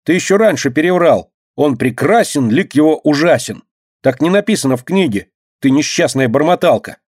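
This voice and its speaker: A man voicing an excitable, capricious little girl who shouts her demands in a storybook reading. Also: mid-range voice, moderate pace, slightly rough, no echo, clean studio sound.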